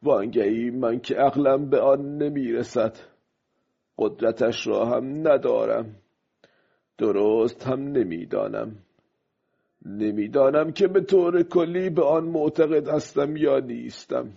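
An actor playing a weary, brooding old fisherman in a radio drama, musing to himself in a husky voice. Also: mid-range voice, mellow, lo-fi sound.

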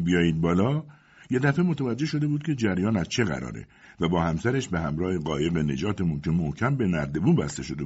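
A man reading scripted first-person narration for an audiobook with a steady storytelling delivery. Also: deep voice, slightly rough, dull audio.

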